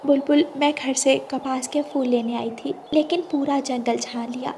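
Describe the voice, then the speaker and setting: Young sparrow bride voiced by a woman, bright high pitch, polite and obedient, slight hiss. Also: steady tone, moderate pace. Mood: eager. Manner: polite, eager. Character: dutiful young sparrow daughter-in-law, eager and obedient. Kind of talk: storybook cartoon voice acting.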